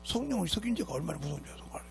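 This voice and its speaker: Raspy, gravelly male preacher scolding. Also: high-pitched, very animated, rapid-fire. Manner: emphatic and scolding, with repeated rhetorical questions. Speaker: pastor. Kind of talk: sermon. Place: church sanctuary.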